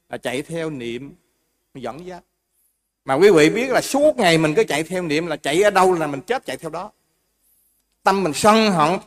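A man gives a Buddhist dharma talk in a fairly high voice. He explains with homely examples and keeps turning to the listeners with questions. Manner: explains with everyday examples, asks the audience questions. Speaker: Buddhist monk teacher.

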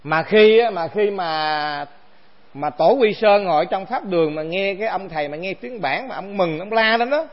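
A man's voice: sits high, normal speed. A man, a monk giving a Buddhist dharma talk to the assembly, casual and conversational, often asking rhetorical questions. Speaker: monk teacher. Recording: dull lo-fi recording.

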